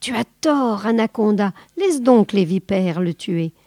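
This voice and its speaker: A woman's voice: mid-range voice, expressive, unhurried, mellow, no room sound, clean studio sound. A woman voicing a swarm of small ants who plead insistently, in a storybook reading. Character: small anxious ants, a swarm of little sisters.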